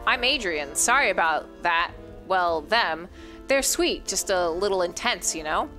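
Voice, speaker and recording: A woman's voice: on the low side, lively intonation, measured pace, pushed and bright, soft background music. A woman voicing a sheepish, wry stranger in a game, in close to her own voice. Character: awkward, friendly sharp-toothed stranger.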